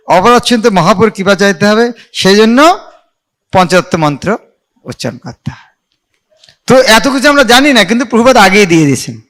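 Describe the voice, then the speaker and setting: A man giving a devotional class, asking his listeners questions and chanting verses slowly. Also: high voice, a bit bright.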